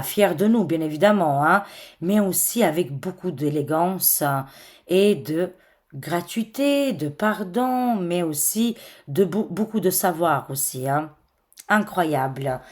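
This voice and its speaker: Slow, gentle woman reading tarot. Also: on the low side. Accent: foreign accent in French. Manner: gentle, hesitant, many fillers; guided visualization, soothing. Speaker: tarot card reader.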